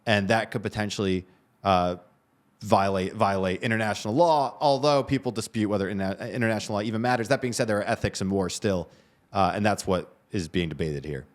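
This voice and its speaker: Man, low voice, news co-host, conversational, hedging, restarts phrases. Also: brisk. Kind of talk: casual news discussion.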